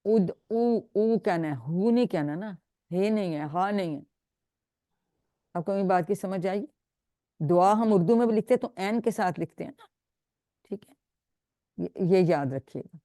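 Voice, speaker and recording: A woman's voice: medium pitch, pauses often, dark tone, no echo, studio quality. A woman teaching an online Quran grammar class, patiently drilling students and praising them. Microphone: video call.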